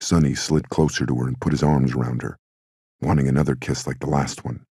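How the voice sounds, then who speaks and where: A man reading an audiobook aloud in a steady, measured way. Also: a bass voice, breathy edge, dry recording, clean studio sound. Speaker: audiobook narrator. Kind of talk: audiobook narration.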